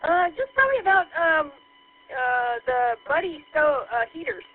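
A woman's voice: high-pitched, no room sound. Woman checking in over a walkie-talkie. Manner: relaxed, halting, with many fillers. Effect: heard over a two-way walkie-talkie radio. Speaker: caller checking into a radio net. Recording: tinny radio transmission with hum.

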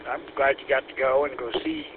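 Easygoing male radio operator, halting delivery, crackly tinny radio, faint hiss. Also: medium pitch, fairly even intonation. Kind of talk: casual radio chat.

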